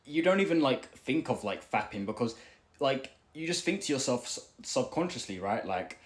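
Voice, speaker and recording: A young man with a medium-pitched, very animated voice talks at normal speed, giving casual self-improvement advice mid-workout. He's out of breath and rambles, packing his speech with fillers and constantly tagging on "right?"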